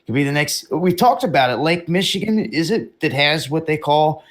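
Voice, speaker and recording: A man's voice: on the high side, expressive, normal speed. A man hosting a live stream, talking in a rambling, opinionated way about world news and drones, swearing casually. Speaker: livestream host.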